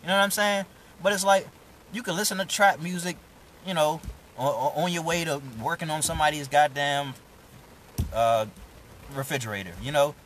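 A man's voice: on the high side, normal speed, pauses often, a bit bright, a little hiss or hum, low-quality recording. A young man giving a casual, profane, streetwise motivational talk on his own live video. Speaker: vlogger.

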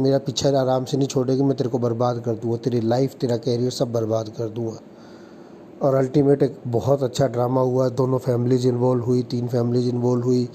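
A man speaking in a deep, mellow, very dark tone, lecturing earnestly on relationships. He walks through example stories and acts out the lines people said. A faint noise sits under his voice. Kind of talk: advice talk with example stories.

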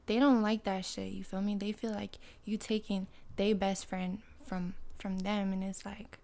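A woman's voice: medium pitch, level tone, normal speed, a little mellow. A woman guest on a podcast, talking in a laid-back, slangy way with lots of fillers, born in Russia and raised in Canada. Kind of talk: casual chat.

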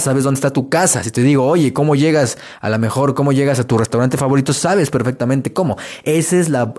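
A man delivers a motivational talk straight to the listener, circling back on key phrases and firing off rhetorical questions. His voice sits a little high for a man. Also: a little mellow. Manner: repetitive, rhetorical questions, addresses the listener directly. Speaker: motivational speaker.

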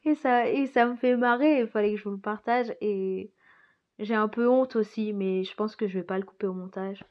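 A woman's voice: mid-range voice, moderate pace. Woman rambling thoughtfully on her podcast, laughs a lot, kinda dull lo-fi audio. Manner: musing, rambling, laughs often. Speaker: podcast host. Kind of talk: casual reflective monologue. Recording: slightly dull lo-fi recording.

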